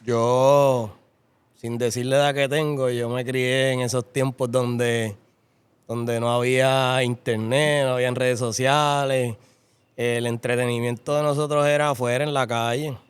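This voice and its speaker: A middle-aged man from Puerto Rico with a Puerto Rican Spanish accent, a guest in a casual interview, relaxed and often repeating his phrases. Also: medium pitch, a little slow, clear, resonant tone, dry recording. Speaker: interview guest, horse breeder.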